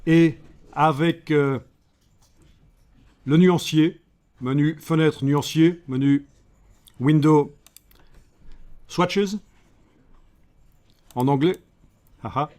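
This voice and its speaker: A man with a Belgian French accent teaching a live software class, breaking up the steps with joking asides to his students. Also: a little high, fairly even intonation, slow, pauses often.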